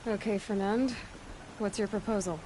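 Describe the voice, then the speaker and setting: A wry young huntress from a video game, played by a woman, deadpan and unimpressed. Her voice has faint noise in the background. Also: medium pitch, moderate pace, lightly acted. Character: dry-witted young woman hunter.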